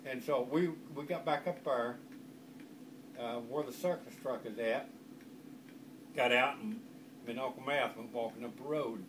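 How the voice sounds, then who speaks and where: A man's voice: mid-range voice, normal speed, long pauses. Older Southern man, folksy grandpa storyteller, distant mic. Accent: rural Southern American. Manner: rambling country yarn-spinner, acts out quoted speech. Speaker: grandfather telling family stories. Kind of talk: informal oral storytelling. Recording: distant microphone, loud background noise.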